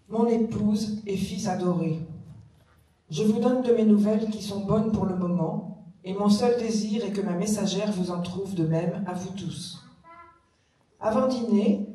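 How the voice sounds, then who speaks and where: Dark, mellow letter reader, steady, distant and echoey. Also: medium pitch. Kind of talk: public reading of letters. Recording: echoey room, voice from far off.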